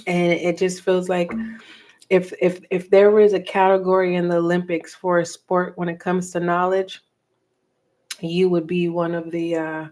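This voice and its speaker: A middle-aged woman giving a tarot reading for viewers, talking softly and slowly and pausing as she reads the cards aloud. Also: lowish voice. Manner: slow, soft and meditative, reading cards aloud with pauses. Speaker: tarot reader.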